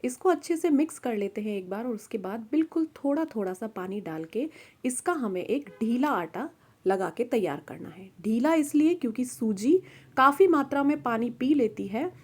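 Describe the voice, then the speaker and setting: A woman's voice: on the high side, a little mellow. Woman explaining a recipe step by step. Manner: friendly, step-by-step instructional. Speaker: cooking show host. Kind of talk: recipe demonstration voice-over.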